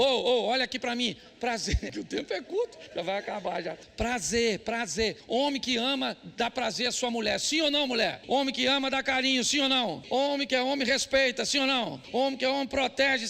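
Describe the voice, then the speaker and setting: A man's voice: extremely high pitch, vocal fry, pushed and bright. A middle-aged man with a Brazilian accent, preaching a humorous, blunt sermon in his church and peppering it with rhetorical questions. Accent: Brazilian Portuguese. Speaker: pastor. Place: church in front of a congregation.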